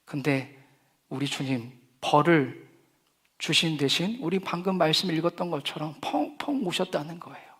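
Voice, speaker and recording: Man, middle-aged, pastor, sermon, high voice, lively, humorous. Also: normal speed, breathy edge. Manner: lively preaching with acted quotes and humor. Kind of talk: sermon to young people.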